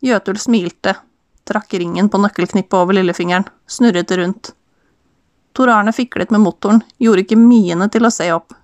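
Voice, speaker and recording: A woman narrates a novel in a steady, even way. Her mid-pitched voice is recorded dry and close to the mic. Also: dry recording. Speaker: audiobook reader. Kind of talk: storybook narration.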